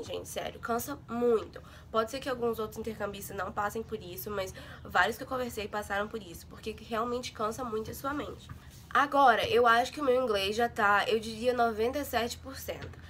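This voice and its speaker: This vlogger, a young woman from Brazil, talks casually to her viewers in a voice on the high side and a bit bright, with a little hiss or hum in the audio. Chatty in manner, she keeps filling with "sabe?" and "gente".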